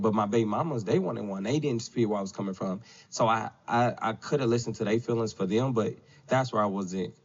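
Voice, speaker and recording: Low-voiced man in rambling casual talk. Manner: loose and rambling, with frequent "you know what I'm saying". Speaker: podcast guest. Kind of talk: casual conversation. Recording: dull lo-fi sound.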